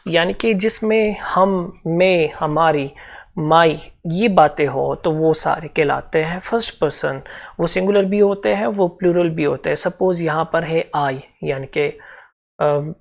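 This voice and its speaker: A man's voice: on the high side, unhurried, creaky. A man with a Pakistani accent teaching a grammar lesson for exam preparation, explaining step by step and repeating key points.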